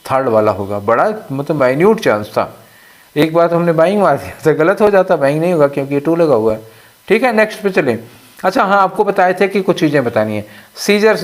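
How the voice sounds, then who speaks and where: A man teaching English exam questions, explaining step by step and often checking that students follow. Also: a little high. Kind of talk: exam question walkthrough lesson.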